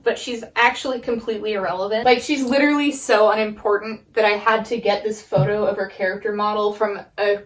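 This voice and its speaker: Woman, fairly high voice, video essay host, casual comedic commentary, sarcastic, emphatic stretched words. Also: poor audio.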